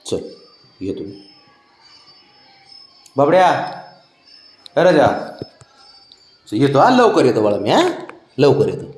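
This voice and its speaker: A man's voice: mid-range voice, sing-song, unhurried, pauses often, darkish tone, roomy sound. Man coaxing his cat in sing-song baby talk. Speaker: cat owner. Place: home, indoors.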